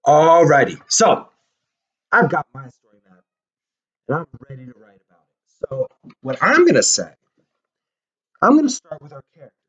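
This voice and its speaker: Drawing as he talks, an upbeat man reads a storybook to young kids and teaches them a lesson. His fairly high, slightly bright, husky voice swings hugely in pitch at a moderate pace with many pauses, and the recording is dull and lo-fi.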